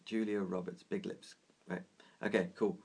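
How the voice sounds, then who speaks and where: Male podcast co-host, easygoing, hesitant delivery, slightly low voice. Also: flat delivery, gravelly, darkish tone, slightly rough. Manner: laid-back, halting, quick to laugh. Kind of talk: casual chat.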